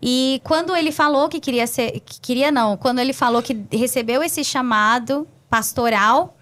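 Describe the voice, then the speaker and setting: Woman, Brazilian Portuguese accent, high bright pitch, pastor telling her testimony, acts out quoted voices, lots of tag questions. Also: moderate pace. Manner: animated storytelling, acts out quoted dialogue, frequent tag questions. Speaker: pastor and podcast host. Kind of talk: casual faith testimony chat.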